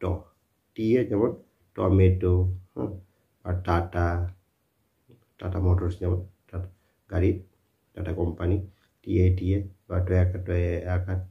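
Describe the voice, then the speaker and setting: Low-voiced male teacher, dull lo-fi sound. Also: flat delivery, measured pace, creaky, pauses often. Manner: repetitive, asks and answers own questions. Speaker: English teacher. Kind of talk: spoken lesson.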